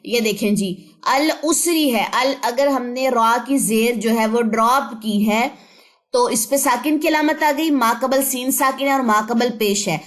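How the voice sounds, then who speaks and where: A woman teaching an online recitation lesson, patiently repeating examples slowly and mixing in English terms. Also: fairly high pitch. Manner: mixes English terms into her talk.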